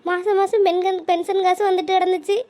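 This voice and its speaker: A woman's voice: extremely high pitch, little pitch movement. A woman doing a bossy, caring village auntie. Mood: alarmed. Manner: brisk, consoling, calls out loudly. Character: caring, scolding middle-aged village woman Ruku.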